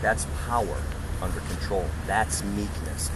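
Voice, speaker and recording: Preaching on the street to a handful of people in an outdoor parking area, a man talks with emphasis, throws out rhetorical questions, and acts out others' voices in a conversational way. His voice is fairly low with fairly even intonation, and he speaks a little slowly. Background noise is present.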